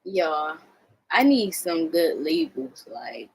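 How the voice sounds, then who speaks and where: A woman's voice: low voice, big pitch swings, takes it slowly, vocal fry, slight background noise, rough recording. An American woman chatting casually in a vlog, rambling in a laid-back way and swearing freely. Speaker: vlogger showing own artwork. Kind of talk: casual chat.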